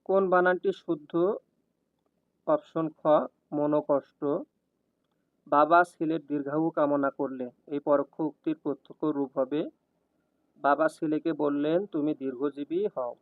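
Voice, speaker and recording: A man's voice: a little high, a little slow, pauses often, no room sound. Man reading exam questions over a tinny line. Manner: reads each question then its answer in an even, steady cadence. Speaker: exam prep tutor. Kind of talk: scripted question-and-answer reading. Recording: tinny, dry, phone-like sound.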